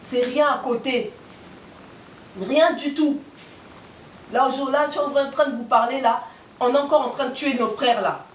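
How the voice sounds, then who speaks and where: A woman's voice: sits high, echoey room, far from the mic, slight background noise. A woman giving an impassioned political and spiritual monologue, firing off rhetorical questions and repeating her points for emphasis. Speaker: activist speaker.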